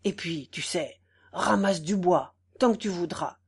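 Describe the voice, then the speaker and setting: A woman's voice: mid-range voice, lively intonation, takes it slowly. Woman putting on a pompous bullying squire. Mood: wheedling. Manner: boastful, then furious and shouting, then fawning.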